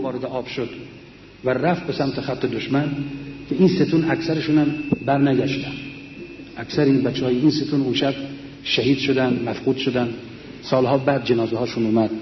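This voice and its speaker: An older war veteran with a mid-range voice earnestly shares memories of his comrades with an audience in a large mosque hall, quoting them as he speaks. The recording is echoey, dull, and lo-fi, with a little hiss or hum.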